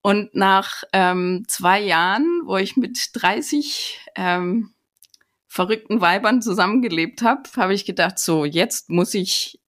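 A woman's voice: mid-range voice, takes it slowly, a bit bright. A woman, hosting a casual podcast interview and chatting in a storytelling way. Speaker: podcast host.

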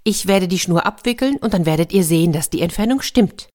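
A woman voicing a polite, quick-witted young servant answering his king. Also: on the low side, expressive, a little mellow, lightly acted. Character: humble clever young male servant.

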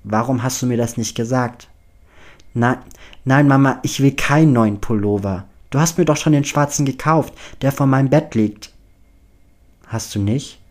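A man's voice: medium pitch, flat delivery, measured pace, a little mellow, lightly acted. A man reading aloud and voicing an anxious, earnest teenage boy. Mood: flustered.

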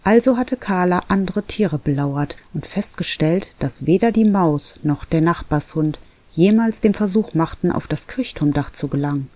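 A narrator reading a children's animal story aloud in a calm, even manner. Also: mid-range voice, moderate pace. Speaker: audiobook narrator. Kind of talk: scripted narration.

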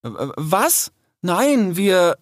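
A young grey fox from a storybook speaks up in a raised, lively voice, as a male narrator puts him on. He is a small, earnest creature. There is no room sound around him. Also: high voice, very slow, no echo, studio quality, voice pushed up, heavily acted. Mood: flustered.

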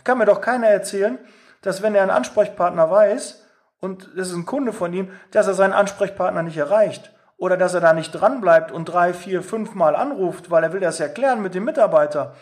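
A man's voice: sits high, fairly quick. A man giving a direct, emphatic motivational talk on sales, acting out quoted phone calls. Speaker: sales coach.

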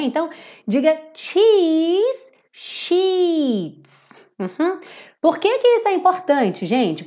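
Brazilian woman, English teacher on a livestream, fairly high voice, playful, stretches words out, dull lo-fi sound. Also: darkish tone. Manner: playful, drawls out words slowly to demonstrate. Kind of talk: live-streamed pronunciation lesson.

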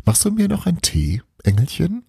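A man's voice: on the high side, wildly swooping pitch, normal speed, creaky, a little mellow, husky, no room sound, clean studio sound, pitched above the performer's own voice, exaggerated voice. A man voicing a sly old witch mother. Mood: scheming. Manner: sly, teasing, sprinkles Italian words. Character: scheming old Italian witch mother, flighty.

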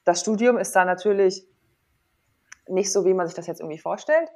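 A former athlete turned sports psychologist, a woman in her thirties, speaks briskly in a mid-range, darkish voice as an interview guest. She's informal and candid, thinking aloud as she tells personal stories.

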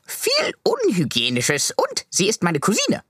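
A pompous, pedantic, self-important man who frets about chaos, acted by a woman. The voice is husky and leaps all over the pitch range. It is recorded dry and close, in a comedic sketch. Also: huge pitch swings, unhurried, no room sound, exaggerated voice. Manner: self-important, pedantic, rambling when anxious.

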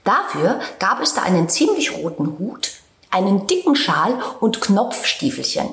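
A woman's voice: mid-range voice, measured pace. Woman reading a bedtime story. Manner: calm, tender reading with soft whispered passages. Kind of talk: storybook narration. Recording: roomy echo.

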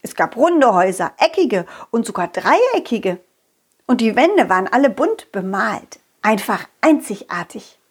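A woman reading a children's story aloud in an animated storytelling manner. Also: a little high, a little slow, slightly rough.

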